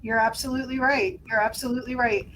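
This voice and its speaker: Woman, fifties, podcast host, very high pitch, upbeat, encouraging, casual, faint background noise. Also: fairly even intonation, fast, fairly bright tone, rough recording. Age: 50s. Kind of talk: casual interview chat.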